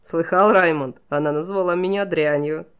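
A woman's voice: fairly low pitch, normal speed, clean tone, lightly acted. Drawling, playful, unhinged king for an audiobook, voiced by a woman. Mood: mocking. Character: theatrical, unhinged male king, mocking.

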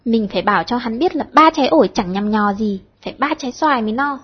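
A woman putting on a cheeky teenage schoolgirl, loud and teasing. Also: a little high, animated, slightly rough, muffled recording. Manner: cheeky, quick-tongued, loud.

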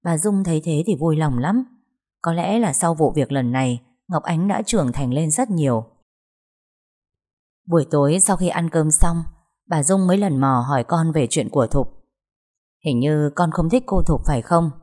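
A woman narrating a story in a steady, even way. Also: low-pitched, normal speed. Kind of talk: scripted narration.

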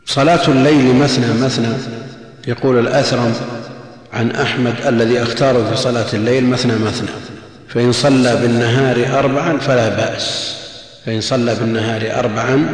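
A man giving a measured commentary lesson on a classical text, repeating key phrases and posing rhetorical questions. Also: mid-range voice. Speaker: religious lecturer. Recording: very echoey long hall reverb.

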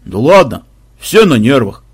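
Man doing a gruff deacon, grumbling, blunt, husky, dry close sound, lively pitch. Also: a little slow, no echo, heavily acted. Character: gruff, touchy male deacon, leader of priests.

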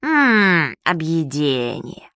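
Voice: mid-range voice, very animated, extremely slow, sharp tone, no echo, exaggerated voice. A reader voicing a cheeky, gluttonous childlike male magic creature who talks in a chirpy, wheedling, pestering way.

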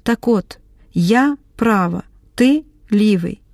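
A woman reading an audiobook, voicing a tense young woman who breaks into hysterical shouting. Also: mid-range voice, expressive, slow pace, no echo, clean studio sound. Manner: shouting, pleading outbursts.

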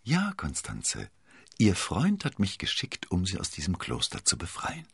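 A man's voice: low voice, very animated, moderate pace, slightly rough, dry recording, clean studio sound, heavily acted. A man voicing a scheming young noblewoman villain in a storybook reading, speaking with false sweetness. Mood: sweetly deceptive.

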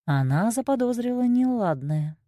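A woman narrating a fairy tale in an expressive storytelling voice. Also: moderate pace, no echo, studio quality. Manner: expressive, with wide swings in pitch.

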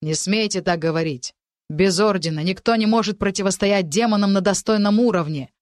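A woman's voice: mid-range voice, brisk, darkish tone, dry recording, studio quality, natural voice. A woman reading an audiobook, voicing a fierce young heroine who answers back in breathless outrage. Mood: defiant.

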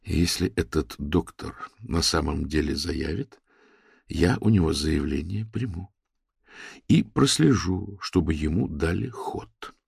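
A man as a quietly seething police major. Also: lively intonation, slow pace, creaky, husky, no room sound, exaggerated voice. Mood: cold anger. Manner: low, quiet and clipped.

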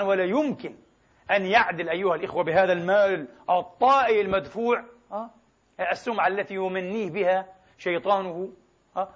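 A man giving an animated religious lecture, mixing formal and colloquial speech as he addresses the congregation. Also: high-pitched, husky, dull audio. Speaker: preacher.

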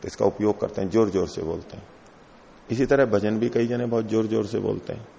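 A man's voice: fairly low pitch, steady tone, a little fast, gravelly, dark tone, slight background noise. Man lecturing in a reverberant hall. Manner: patient, repeats and unpacks each term. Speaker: teacher of philosophy. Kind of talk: explanatory lecture on a classical text. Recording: lo-fi hall recording with long reverb.

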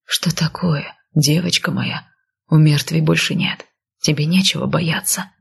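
A woman voicing a stern but tender northern man, in whispered role-play with a low, husky whisper. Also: steady tone, a little slow, full character voice. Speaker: male character voiced by narrator.

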